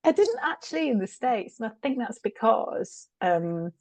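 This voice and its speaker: Speaking a little high and with lots of animation, this middle-aged British change consultant chats at a normal pace in a darkish tone. She's a guest on an interview show, reflecting openly on her work with frequent laughter and fillers, captured on a dry recording.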